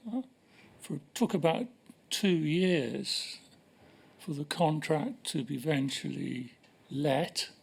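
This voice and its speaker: An older man answering questions as a witness at a formal hearing, measured and hesitant, pausing often. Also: a little high, vocal fry, slightly rough. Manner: measured, hesitant, with many pauses. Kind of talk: formal testimony. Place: inquiry hearing room.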